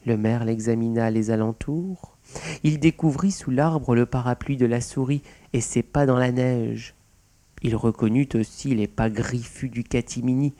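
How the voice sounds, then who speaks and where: A man narrating a children's storybook with a lively, expressive reading. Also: medium pitch.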